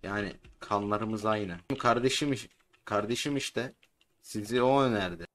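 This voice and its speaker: A man in casual game roleplay chat, joking, excitable and often shouting. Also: lowish voice, normal speed. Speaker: roleplay streamer.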